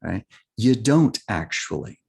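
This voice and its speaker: A man's voice: lowish voice, big pitch swings, takes it slowly, creaky, a little mellow, slightly rough. Earnest man explaining with "right?" check-ins. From United States. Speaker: life and business coach. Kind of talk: interview guest, conversational explaining.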